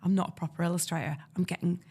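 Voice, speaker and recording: A woman's voice: lowish voice, racing, creaky, husky. A woman from North East England with a North East English accent, a guest illustrator telling stories in a casual interview and acting out the voices of people she quotes. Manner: lively, acts out quoted voices.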